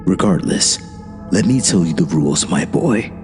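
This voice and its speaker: A man voicing a smug, deliberate male devil who lectures in a monotone, in a horror story reading. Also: low voice. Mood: smug lecturing. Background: music.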